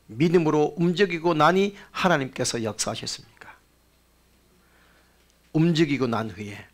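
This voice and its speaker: A male pastor preaching a sermon, telling a story with rhetorical questions, swinging between loud bursts and quiet asides. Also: on the high side. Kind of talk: sermon with anecdote.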